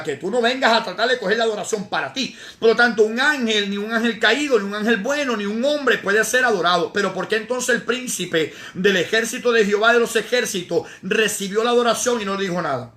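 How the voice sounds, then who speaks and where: A man's voice: high voice, brisk, hardly any pauses, bright, forceful tone. A male evangelist teaching from the Bible in a live stream, emphatic, repeating words for stress and reading verses aloud. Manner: greets viewers by name in between. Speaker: evangelist preacher.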